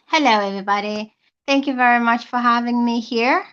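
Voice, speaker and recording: A woman's voice: on the high side, fairly quick, fairly bright tone. Brief: woman from Tanzania, guest, chatty and plain-spoken, slightly muffled remote line. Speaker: guest, healthcare assistant. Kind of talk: casual interview.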